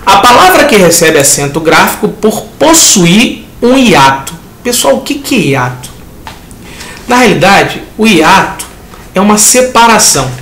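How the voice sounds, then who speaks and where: A man's voice: sits high, big pitch swings, a little slow, fairly bright tone, roomy sound. A man with a Brazilian Portuguese accent teaching a lesson that reviews exam answers, talking the class through each step and acting out students' questions.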